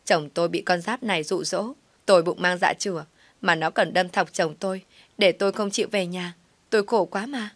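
A combative pregnant young woman who pleads and accuses at a raised pitch, as a woman storyteller puts her on. Loud, dramatic lines, recorded close and dry. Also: a little fast, dry recording. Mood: wailing.

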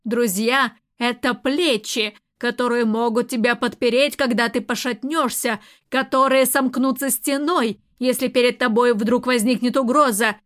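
A sharp-tongued middle-aged aunt, read by a woman in an audiobook, sarcastic and lecturing. The voice sits high. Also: fairly even intonation, moderate pace, few pauses, lightly acted. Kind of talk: audiobook character reading.

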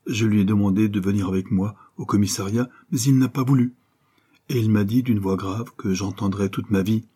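Guy doing a fussy chatty old landlady voice, gushy, kinda husky underneath. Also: fairly low pitch, steady tone, fairly quick, warm tone. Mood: voluble. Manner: effusive, gushing, breathy whispered asides. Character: voluble kindly older woman, boarding-house landlady. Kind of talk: audiobook character voice.

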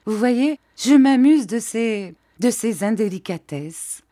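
Woman playing a young lady, amused and light, voice way up high and lively. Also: slow, no room sound, clean studio sound. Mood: wondering. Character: young noblewoman, amused and detached.

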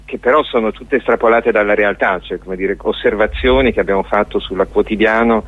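A man with a fairly low, steady voice speaks fairly quickly as a radio guest, describing a show discursively while searching for words. He is a theatre and dance artist. There's no echo, but the audio comes through a narrow, tinny, phone-like line.

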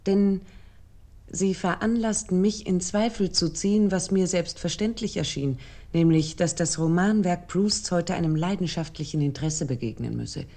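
As narrator of a radio play, she plays a thoughtful essayist, her low, dark, soft voice delivering scripted literary prose in a formal, deliberate way. Each thought is set out carefully, and the mood stays measured and serious.

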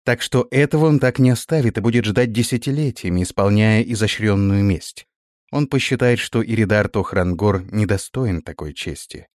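A man's voice: lowish voice, normal speed, darkish tone, no echo, clean studio sound, close to an everyday voice. A man voicing an earnest young elf woman who explains things firmly.

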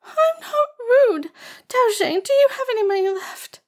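Ah Ching, a shrill tearful girl. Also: fairly even intonation, moderate pace. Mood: whiny, wailing. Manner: high, pleading and whiny, often sobbing. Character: tearful young girl, shrill and stubbornly demanding. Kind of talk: audiobook character voice.

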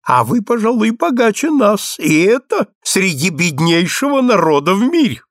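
A man putting on a gushing high society lady. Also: sing-song, moderate pace, no room sound, clean studio sound. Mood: exalted. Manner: breathless, exalted, swooping high.

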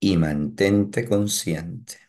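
A man whose voice sits low gives calm, clipped instructions for a guided meditation, leaving long pauses between phrases.

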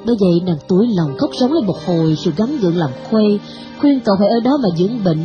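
A woman reading a novel aloud with expressive storytelling. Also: mid-range voice, quick pace, lo-fi sound, over music. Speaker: narrator. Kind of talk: audiobook narration of a novel.

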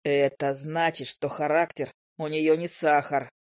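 A woman doing a low, deadpan hunter guy. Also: a little slow, no room sound, studio quality. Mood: calm deadpan. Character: gruff male hunter, calm, stubborn and matter-of-fact.

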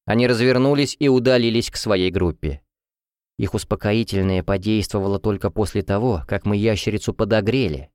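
A man's voice: lowish voice, fairly quick, darkish tone, smooth, dry recording. Man reading an audiobook, dry close sound. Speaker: audiobook narrator. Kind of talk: scripted narration.

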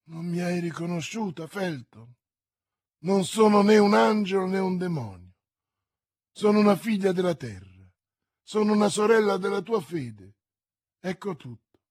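A woman's voice: deep voice, expressive, measured pace, darkish tone, husky, no room sound, studio quality, heavily acted. A man reading aloud, voicing a scheming, seductive noblewoman prisoner in an impassioned, declaiming way. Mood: fervent.

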